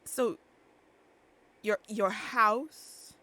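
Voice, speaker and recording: A woman's voice: medium pitch, fairly even intonation, very slow, sharp tone. A woman streamer speaking in character during game role-play, hesitant and searching for words as she goes. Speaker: streamer playing a shopkeeper character.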